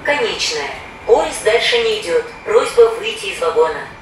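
Woman's announcement over a train loudspeaker. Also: normal speed. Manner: calm, formal, evenly spaced phrasing. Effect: played over the train loudspeaker. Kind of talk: recorded transit announcements. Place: metro train car. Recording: echoey loudspeaker heard from far off in a noisy train car. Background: rumbling train noise.

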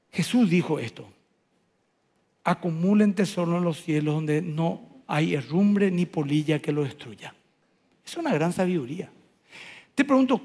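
A man preaching as a pastor, swinging between loud bursts and soft, hushed lines. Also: high voice. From Paraguay. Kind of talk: sermon. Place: church auditorium. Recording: large hall with long reverb.

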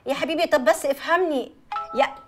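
An actress with an Egyptian accent playing a young woman calming her best friend over the phone. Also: high-pitched, quick pace, loud music behind the voice, close to an everyday voice. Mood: soothing. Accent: Egyptian Arabic. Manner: soothing, juggling two phone calls. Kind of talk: Egyptian TV drama acting.

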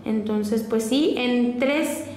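High-voiced woman interviewer, echoey room. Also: extremely slow, darkish tone. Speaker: interviewer at a clinic. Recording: echoey small room, faint noise.

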